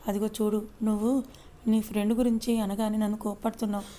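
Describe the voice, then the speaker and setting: A woman's voice: mid-range voice, flat delivery, fast talker, warm tone, close to an everyday voice. A woman storyteller voicing a sulky, playfully complaining young wife in an audio story. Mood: sulky complaint. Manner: pouting, complaining.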